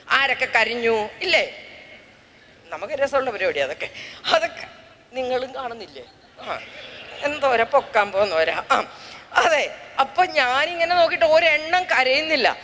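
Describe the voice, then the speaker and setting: An older woman giving a humorous class, telling family stories in a lively, joking way and acting out the voices of the people in them. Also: high voice, in a large hall. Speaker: public speaker giving a class. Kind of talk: humorous storytelling talk.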